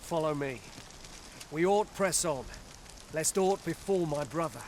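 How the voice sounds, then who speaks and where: A man's voice: a little high, unhurried, a little mellow, slight background noise, close to an everyday voice. A man playing an earnest, worried traveller in a fantasy video game, speaking in mock archaic phrases. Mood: earnest, pressing. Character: earnest male traveller worried for his brother.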